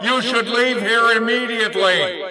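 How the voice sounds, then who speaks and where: A man voicing a customer making a deadpan store intercom announcement, in a slow, flat announcer delivery. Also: extremely high pitch, recorded from a distance, a crowd in the background, pitched above the performer's own voice, low-quality recording.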